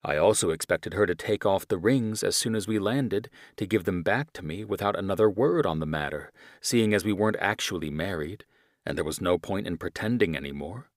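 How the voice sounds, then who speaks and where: A man reading a romance audiobook in the first person, in a slow and unhurried way. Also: deep voice, no echo, clean studio sound. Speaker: audiobook narrator. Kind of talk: scripted romance narration.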